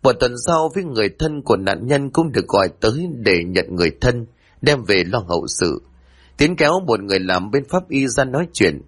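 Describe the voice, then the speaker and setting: A man narrating a scripted horror story in a dramatic, expressive way. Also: medium pitch, fairly quick, breathy edge.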